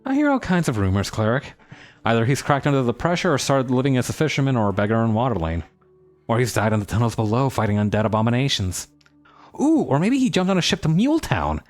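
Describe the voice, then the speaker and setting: A man's voice: mid-range voice, very animated, fast, pitched above the performer's own voice, close to an everyday voice. A man voicing a wry, teasing townswoman in a game who chats through rumors. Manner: teasing, chatty.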